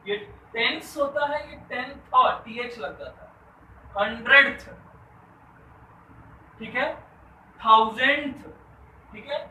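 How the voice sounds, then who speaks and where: Set a bit distant from the mic in an echoey room with faint background noise, a man leads a school math class, answering his own questions and weaving in English math terms. His voice sits high, sounding pushed and bright.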